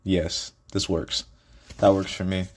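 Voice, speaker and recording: A man's voice: deep voice, flat delivery, slow pace. A man casually improvising a fan story, rambling with many fillers and restarts and chuckling at his own ideas.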